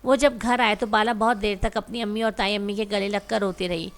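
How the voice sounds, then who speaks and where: A woman narrating a romantic drama story aloud in a steady reading voice. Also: medium pitch.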